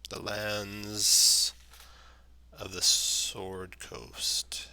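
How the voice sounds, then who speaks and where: A man voicing a weary, ancient talking tree in a tabletop game, speaking in slow, grave, halting phrases with a breathy, gravelly voice. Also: on the low side, monotone, bright, forceful tone, a little hiss or hum, full character voice. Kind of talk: tabletop role-play character voice.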